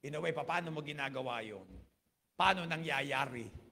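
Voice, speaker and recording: A man's voice: fairly high pitch, normal speed, gravelly, sharp tone, a little hiss or hum. A man with a Filipino accent preaching a sermon as pastor, scattering hallelujah and amen through every phrase and mixing English into his Filipino. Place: church.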